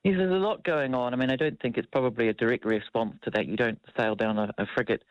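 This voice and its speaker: A man, a foreign policy analyst speaking in a measured, hedging way with frequent ums and uhs, heard with a tinny radio-speaker sound. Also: medium pitch, no room sound. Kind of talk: radio news interview. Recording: dull lo-fi dry radio sound.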